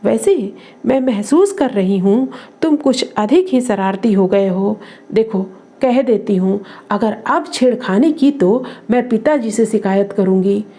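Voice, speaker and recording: A woman reading the lines of a sharp-tongued young woman in a storybook drama, tart and scolding. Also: medium pitch, measured pace, lightly acted.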